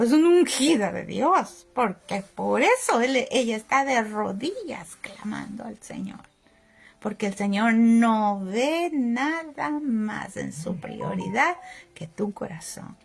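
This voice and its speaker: A woman's voice: on the high side, vocal fry. A woman preaching a sermon, telling a story and acting out the voices in it.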